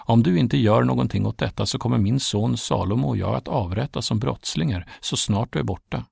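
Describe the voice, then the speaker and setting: A man voicing a queen mother in a Bible storybook reading, speaking earnestly and quietly to the king. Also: mid-range voice, vocal fry, breathy edge, no room sound, clean studio sound. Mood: pleading.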